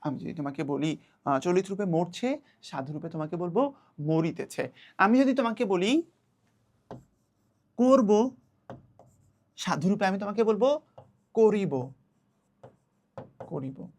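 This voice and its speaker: A young woman teaching an online class to children, patient and repeating key words slowly. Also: lowish voice, very animated, a little mellow.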